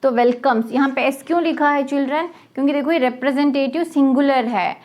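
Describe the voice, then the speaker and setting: A woman teacher with an Indian accent explaining a grammar worksheet to schoolchildren. She reads the English sentences out slowly, then explains them quickly, and asks questions that she answers herself. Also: high-pitched, darkish tone.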